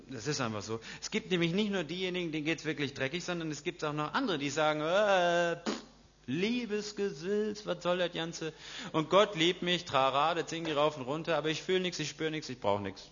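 A man preaching a lively sermon, acting out voices and swinging from hushed to loud. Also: mid-range voice. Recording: dull lo-fi sound.

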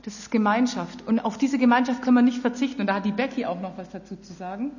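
A woman's voice: on the high side, quick pace, a little mellow. A woman preaching a sermon, speaking earnestly and directly to her audience. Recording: dull audio with long hall reverb.

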